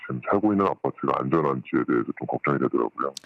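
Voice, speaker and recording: A voice pushed artificially deep by pitch-shifting to hide who is speaking, sitting at the very bottom of the range. It arrives thin and narrow over a phone line, dry and close. The speaker explains things step by step, calmly, with hesitant fillers between thoughts. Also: rapid-fire, creaky, no echo. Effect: voice deepened by pitch-shifting disguise. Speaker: anonymous former employee interviewed by phone. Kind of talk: interview answers.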